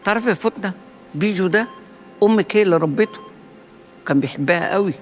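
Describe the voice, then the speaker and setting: An actress playing a fierce, sharp-tongued older matriarch in an Egyptian TV drama, speaking with an Egyptian accent. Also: female voice, mid-range voice, quick pace, soft background music, natural voice. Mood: grieving. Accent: Egyptian Arabic. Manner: sharp, mocking, threatening.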